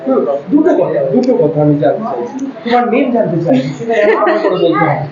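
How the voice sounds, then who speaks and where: A man's voice: sing-song, quick pace, over a noisy crowd. A man in his twenties teaching an English class, coaxing students in Bengali and English. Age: 20s. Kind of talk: classroom lesson. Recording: dull low-fi room audio.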